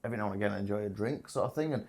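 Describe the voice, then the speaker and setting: A young man with a fairly low voice talks bluntly in casual chat. He swears freely and pokes fun at himself. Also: rapid-fire, darkish tone. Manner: blunt, sweary, self-deprecating. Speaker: guest.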